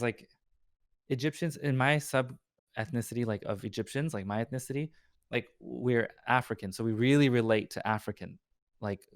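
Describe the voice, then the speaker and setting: A man's voice: mid-range voice, dry recording. Young guy, podcast guest, loose rambling chat, lots of "like", bounces into quoted voices, dead-dry close mic. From Orange County, California. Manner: rambling, heavy use of "like" and "right?"; acts out other people's voices in quotes. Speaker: guest, lawyer and streamer.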